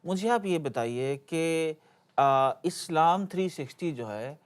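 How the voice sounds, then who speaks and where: A man hosting a podcast, asking his guest lively, prompting questions. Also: a little high, clear, resonant tone. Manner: prompting, lively questions, short backchannel hums. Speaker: podcast host. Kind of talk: interview questions.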